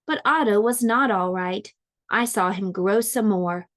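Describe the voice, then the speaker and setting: Here a woman with a medium, slightly bright voice reads a kids' storybook like a preschool teacher, expressive and leaning into slow, drawn-out dramatic moments.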